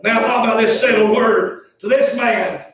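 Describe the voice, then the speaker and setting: Fervent high-voiced preacher in echoey church. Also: male voice, steady tone, normal speed, a bit bright. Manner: fervent, rhythmic repetition, folksy asides. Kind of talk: shouted revival sermon. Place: church sanctuary. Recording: echoey church from far off, dull lo-fi.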